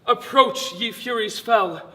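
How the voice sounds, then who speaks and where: A man's voice: very high-pitched, takes it slowly, bright, forceful tone, a little hiss or hum, heavily acted. A man playing a melodramatic tragic lover. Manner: overblown, melodramatic. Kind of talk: live stage acting. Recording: echoey hall, reverberant stage.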